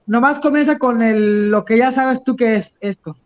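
Very high-voiced male teacher. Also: moderate pace. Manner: encouraging, switches between English and Spanish. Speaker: English teacher. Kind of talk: online class instruction.

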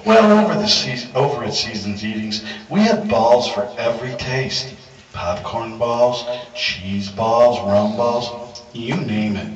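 An older man playing an earnest baker guest in a live pub comedy sketch, deadpan and matter-of-fact. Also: medium pitch, takes it slowly, lo-fi sound. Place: crowded pub. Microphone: handheld mic. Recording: echoey pub, far mic, loud crowd.

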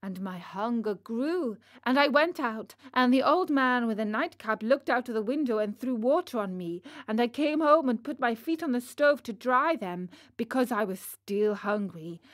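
A woman voicing a naughty, hungry wooden puppet boy who whines and pleads. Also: a little high. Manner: whiny, pleading, excitable.

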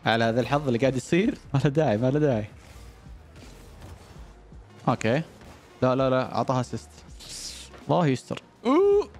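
A man's voice: fast talker, long pauses, faint music behind. A young man commentating on his own gameplay, cheering and groaning at the plays. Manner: excitable, shouts and cheers at plays, jumps from low mutters to high yells. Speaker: gaming YouTuber.

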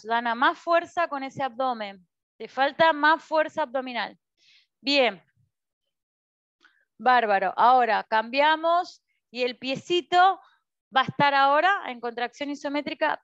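High-voiced Argentine Pilates instructor. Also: female voice, fairly bright tone, dry recording, dull audio. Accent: Argentine Spanish. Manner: instructive, encouraging, cueing movements with frequent "¿sí?". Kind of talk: teaching a Pilates class. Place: Pilates studio.

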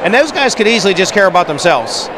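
A middle-aged man, a wrestling coach, giving an animated postgame interview into a handheld mic in a high school gym. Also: quick pace, a crowd in the background. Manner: animated, gesturing while standing. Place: high school gym, large indoor space. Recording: noisy gym background.

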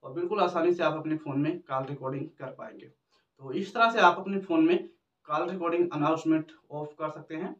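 A tech tutorial host, a man with a slightly high, fairly bright voice, briskly walks the camera through phone settings one step at a time, repeating himself as tutorials do. He's in a small indoor room with a backdrop, and the roomy, distant-mic recording sounds dull and muffled.

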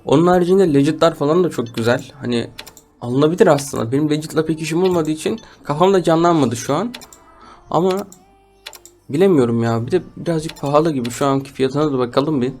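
Gravelly-voiced man narrating gameplay casually. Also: a little high, a little fast, a little mellow, slight background noise. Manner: chatty, addresses viewers as friends, grumbles and laughs at bad luck. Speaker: gaming YouTuber. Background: background music.

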